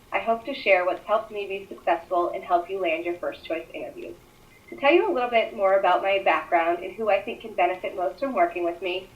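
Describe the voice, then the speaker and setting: A woman student introducing herself as a career mentor in a smooth, scripted delivery. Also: medium pitch, dull audio. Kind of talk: read self-introduction.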